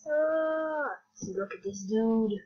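Young woman vlogger, husky and unhurried, giggly and scattered, somewhat high voice, dull lo-fi recording. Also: lively intonation, fairly bright tone. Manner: giggly, scattered, laughs often. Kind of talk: casual rambling vlog chat. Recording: dull lo-fi sound.

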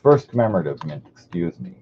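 Deep gravelly guy calling coin bids live, lively up and down, chatting with everyone, kinda dull audio. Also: quick pace. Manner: chatty, greets bidders by name. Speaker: coin auctioneer. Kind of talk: live-streamed auction calling. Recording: dull audio with faint hiss.

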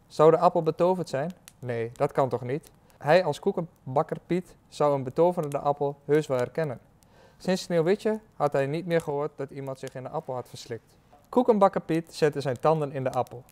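A man reading a children's story aloud in a gentle storybook manner, asking wondering questions along the way. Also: a little high.

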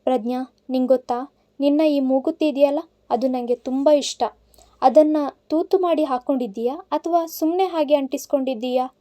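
A man's voice: very high voice, fairly even intonation, moderate pace, mellow. A woman voicing a drunk, heartbroken man in his twenties who rambles and pleads like a child. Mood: childlike. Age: 20s. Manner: rambling, sulky, innocent pleading. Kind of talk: audiobook character voice.

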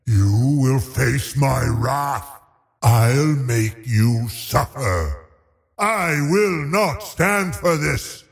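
A man voicing a cold, haughty undead lich sorcerer in a video game, speaking in a menacing, theatrical, deliberate way as he savors his cruelty. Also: mid-range voice, creaky, big-room sound, heavily acted. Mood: wrathful, contemptuous. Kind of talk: video game villain voice lines.

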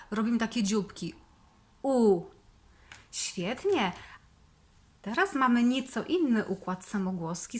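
Slow, bright-voiced woman teacher. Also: medium pitch. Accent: Polish. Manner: slow, sing-song, encouraging instructions. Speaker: preschool teacher. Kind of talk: speech therapy exercises for children. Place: preschool.

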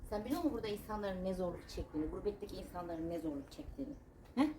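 A Turkish woman in her thirties talking casually while she works in her home garden, sharp-tongued and indignant, then chatty. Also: lowish voice, animated, racing, slight background noise. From Turkey. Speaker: vlogger.

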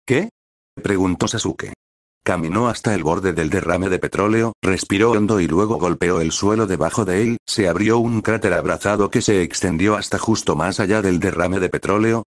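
A man reads a fan story aloud at a steady, flat pace, tripping over a word now and then. His voice sits low. The recording is dry, with no sound of the room. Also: moderate pace, no room sound. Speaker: reader of fan fiction.

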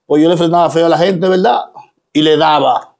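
A man's voice: fairly high pitch, fairly even intonation, moderate pace, vocal fry, darkish tone. A man with a Dominican accent speaking straight to his followers, emphatic and preachy, full of rhetorical questions. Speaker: social media personality. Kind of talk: direct-to-camera monologue.

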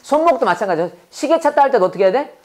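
A man's voice: very high voice, lively intonation, rapid-fire, a little mellow. A man teaching English in a classroom lecture, leading repeat-after-me drills and answering his own questions. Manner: asks questions and answers them himself, repeating phrases.

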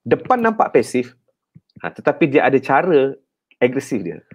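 Here a man with a Malaysian accent speaks as a counselor on a radio talk show, in a studio. His medium-pitched, slightly rough voice moves at a moderate pace. He explains in an energetic, instructive way, frequently using "ha" and "kan" tags.

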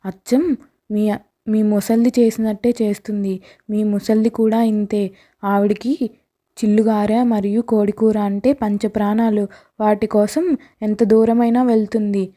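A woman's voice: mid-range voice, level tone, normal speed, warm tone, natural voice. A woman voicing a worried village mother who scolds her daughter in a puzzled way. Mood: uneasy.

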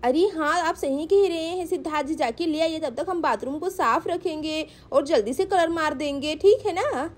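A woman's voice: sits high, moderate pace, few pauses, close to an everyday voice. Woman doing an exasperated housewife. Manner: exclaiming, exasperated.

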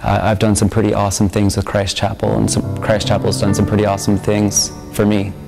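A man's voice: lowish voice, monotone, brisk, creaky, poor audio. A young man, a student member of a campus ministry, speaking earnestly and reflectively in an interview testimonial, with frequent ums. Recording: music bed under the voice. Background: music.

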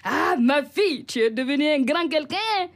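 A man's voice: very high-pitched, normal speed, fairly bright tone, no echo. A woman voicing a chatty, proud middle-aged uncle who teases and schemes, in a fond, sing-song way of talking. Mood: proud, teasing.

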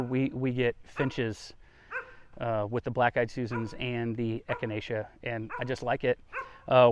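A man with a mid-range voice, a gardening vlogger, hosts an outdoor garden tour, explaining things casually in a folksy, conversational way. There's slight background noise.

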